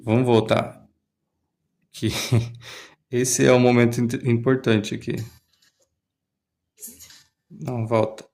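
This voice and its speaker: A man's voice: medium pitch, little pitch movement, takes it slowly, vocal fry, pauses often, a little mellow. A man, talking casually and hesitantly as he comments on a language lesson. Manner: thinks aloud, hesitant, restarts often. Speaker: language learner host.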